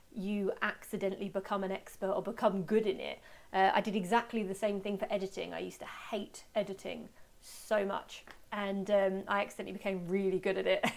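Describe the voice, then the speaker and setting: A British woman teaches a casual online webinar in a medium-pitched voice. She is chatty and self-deprecating, and her voice is slightly hoarse, as if starting to give out. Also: a little mellow. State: voice giving out, slightly hoarse after a workshop. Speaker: webinar host and photography teacher.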